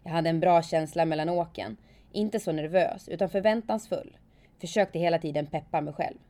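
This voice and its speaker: A woman calmly narrating her own story in the first person, reflective and steady. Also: lowish voice. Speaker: former alpine skier telling her story.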